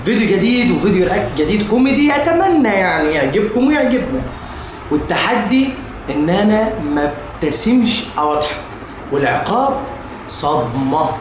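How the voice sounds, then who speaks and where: A man's voice: high-pitched, big pitch swings, brisk. An Egyptian man hosting comedy reaction videos, talking casually and exclaiming as he comments. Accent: Egyptian Arabic. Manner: exclaiming, addressing viewers and clips informally. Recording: very echoey room, noisy background.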